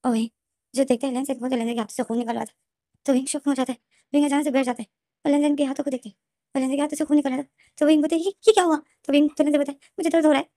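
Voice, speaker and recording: A woman narrating her own fan fiction story, retelling scenes rapidly and emotionally with frequent restarts. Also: sits high, mellow, no room sound, clean studio sound.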